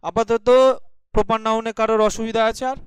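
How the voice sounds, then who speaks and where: A male teacher leads a classroom grammar lesson. His voice is high and smooth, and it sits dry and close to the mic. He asks his class questions, answers them himself and keeps checking that they follow. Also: monotone, fairly quick, no room sound. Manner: explaining patiently, checking in often. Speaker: English teacher.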